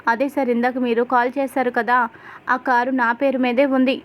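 A woman's voice: on the high side, level tone, normal speed, close to an everyday voice. A woman reading the lines of a loyal, hot-tempered young husband in a retold serial story.

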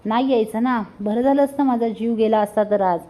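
A woman voices a wounded young wife who throws reproaches at her husband. The tone is soft and dark-edged, and the voice is pitched a little high. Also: a little fast, natural voice. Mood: bitter.

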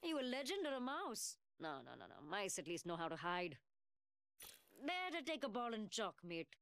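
This woman's mid-range voice swings widely in pitch at normal speed, sounding a bit bright with a clean tone. She plays a taunting, sarcastic young gunsmith in a video game, speaking slangy working-class London English with a cheeky cockiness.

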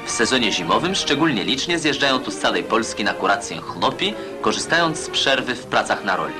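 Give me a man narrating an old newsreel in a declamatory announcer's voice. He sits at a middle pitch over loud music. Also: big pitch swings, fairly quick. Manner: declamatory, emphatic announcer delivery.

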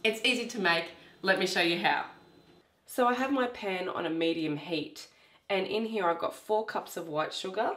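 A woman's voice: mid-range voice, normal speed. Woman teaching a home recipe. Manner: warm, instructive, chatty. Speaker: cooking show host. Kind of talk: cooking demonstration. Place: home kitchen, indoors. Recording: echoey home kitchen.

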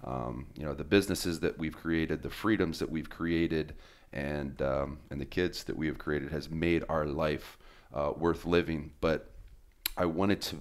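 Very deep-voiced earnest podcast host, a man. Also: fairly even intonation, unhurried. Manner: earnest and affectionate, with frequent fillers. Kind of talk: casual interview hosting.

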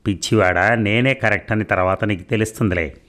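A man voicing a cocky, smooth-talking burglar in a comic story. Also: fairly low pitch, fairly quick, a bit bright, natural voice. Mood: smug.

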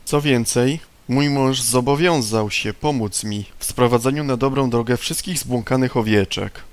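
A man's voice: moderate pace, no echo, close to an everyday voice. Guy reading a stuck-up temperance lady from the game, easily offended, dry close mic. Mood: indignant. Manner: reads a woman's lines aloud, a little higher and louder. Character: prim middle-aged woman, temperance leader, indignant. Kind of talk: reading game dialogue aloud.

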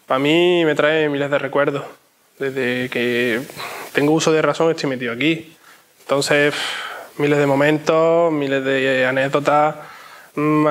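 A young man gives conversational interview answers in a voice a little higher than average. He speaks in short phrases and often repeats them for emphasis. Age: young adult. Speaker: interview guest. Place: inside an ornate church.

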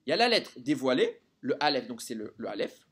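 Animated man teaching a Torah lesson. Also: medium pitch, fairly quick, husky. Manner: animated, quizzes listeners with rhetorical questions. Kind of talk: live Torah lesson to a group.

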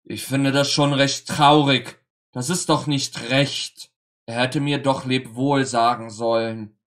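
A father from a grim fairy tale, plaintive and then loudly greedy, voiced by a male storyteller in near his own voice. He speaks slowly, with a slightly raised, pressing tone. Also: medium pitch, steady tone.

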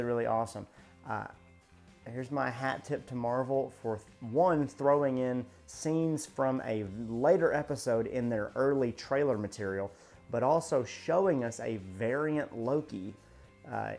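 A man in his thirties talks through a show breakdown in a relaxed, rambling way, full of fillers and restarts. His voice has a gravelly, fried edge at a middling pitch. Faint music sits under his voice. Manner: chatty, many "uh" and restarts, gestures a lot. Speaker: show reviewer. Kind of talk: casual video breakdown. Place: indoor home studio in front of a backdrop.

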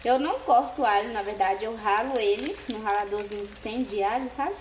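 Briskly and in a slightly high voice, a young Brazilian woman cooks in a small home kitchen and chats to camera, frequently tossing in "né, gente?". The camera rests on the counter and is sometimes held over the stove; the tiled kitchen echoes, with faint noise behind.

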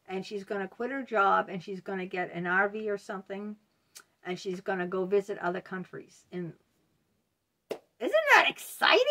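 This woman, a self-help video host in her late fifties, talks emphatically to camera from a book-lined room at home, recorded close on a desk webcam. Her mid-range voice has a sharp tone, and she repeats key words while frequently saying "you know."

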